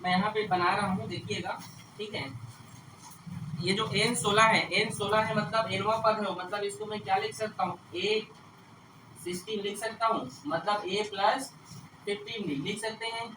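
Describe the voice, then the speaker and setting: Stern classroom teacher, keeps asking "understood?", distant boomy room, street noise. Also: male voice, steady tone, normal speed. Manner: scolds and lectures students; checks understanding with repeated questions. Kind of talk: classroom math lesson. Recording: echoey classroom from far off, traffic noise.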